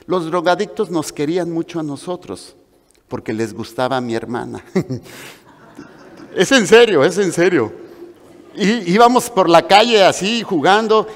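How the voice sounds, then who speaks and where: A Mexican man preaching to a congregation, his voice a touch high for a man, and he tells stories in an animated way, acting out the people in them. The sound rings with the long reverb of a large church hall. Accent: Mexican Spanish. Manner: animated storytelling with acted-out voices. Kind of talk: sermon.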